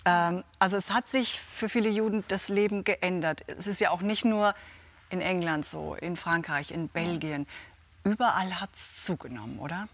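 A woman's voice: on the low side, moderate pace, no echo. A woman hosting a TV talk show, chatting with her guest and leading into a report. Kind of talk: conversational interview, moderation.

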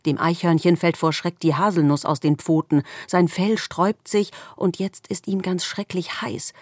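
A woman reading a children's book aloud with expressive, lively storytelling. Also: fairly low pitch, normal speed, no echo, clean studio sound. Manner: lively storytelling with rising tension. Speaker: story reader.

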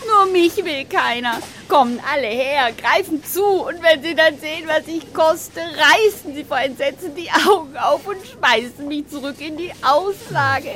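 Whiny weepy cucumber for a radio sketch, super hammy stage acting, high voice, feels so sorry for itself. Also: female voice, a little slow, few pauses, fairly bright tone. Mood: whiny despair. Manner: hammy, theatrical, overacted lamenting. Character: self-pitying melodramatic cucumber in a supermarket.

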